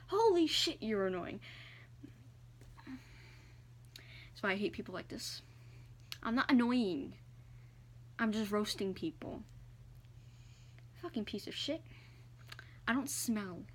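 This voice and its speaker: A woman's voice: on the high side, a little hiss or hum. A woman vlogger reading comments aloud and firing back with sarcastic, indignant comebacks. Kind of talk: casual chat.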